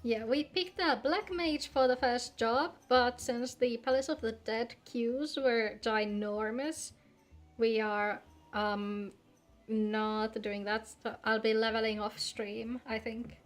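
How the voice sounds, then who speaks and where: Over background music, the woman livestreams a game, chatting casually and reading its dialogue aloud. She speaks slowly, her slightly high voice holding a steady tone.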